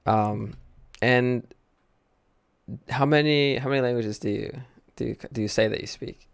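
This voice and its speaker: An American podcast host leads a casual interview in an easygoing, hesitant way, frequently restarting his sentences. His medium-pitched voice is gravelly yet smooth and a little slow, with no echo.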